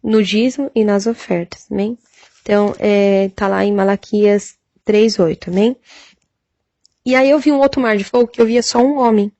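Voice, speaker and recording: A Brazilian woman giving a church testimony of a vision, halting with fillers and citing Bible verses, on a dull lo-fi recording. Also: medium pitch, steady tone, mellow, dry recording. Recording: dull lo-fi recording, dry sound.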